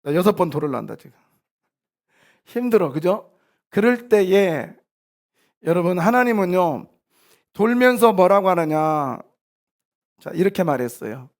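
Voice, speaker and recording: Gravelly, high-voiced man preaching. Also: unhurried, pauses often. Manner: animated preaching, swings from quiet asides to loud exhortation. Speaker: pastor. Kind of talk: sermon. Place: church sanctuary.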